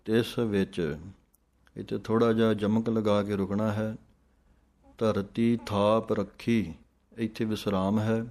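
A male recitation teacher with a low, mellow voice leads a calm lesson. He chants each verse at an unhurried pace, then patiently explains where to pause. His delivery stays flat and steady throughout.

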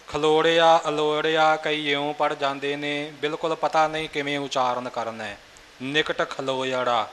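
Careful male recitation teacher, bright tone. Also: fairly high pitch. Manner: careful, corrective, slowly spells out syllables. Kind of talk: instructional explanation of pronunciation. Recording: long hall reverb, faint hiss.

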